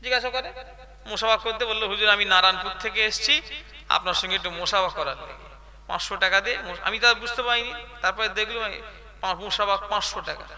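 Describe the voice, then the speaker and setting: A man's voice: sits high, fast talker, bright, forceful tone, big-room sound. A man preaching a waz sermon, chatty and quizzing the crowd with questions.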